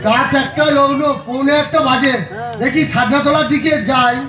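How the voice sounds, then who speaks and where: A man acts out a drunken village priest in a stage comedy, very high-pitched and echoing over loud music. He rambles, grumbles and repeats himself in a muddle. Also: steady tone, moderate pace, a crowd in the background. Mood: drunken lament. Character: drunk, grumbling, money-minded male village wedding priest. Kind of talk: broad Bengali stage comedy acting. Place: live cultural-evening stage.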